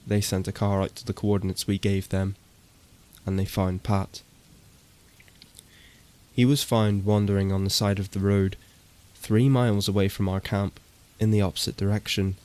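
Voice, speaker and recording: A man giving a steady, matter-of-fact scripted horror narration. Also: deep voice.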